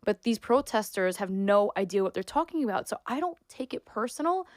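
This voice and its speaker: Animated and a little fast, a twenty-something New Yorker who works as a sports reporter and influencer speaks as a podcast guest in casual interview talk. She's emphatic and opinionated, peppering her speech with "like," in a middle-pitched voice recorded close and dry with no room sound.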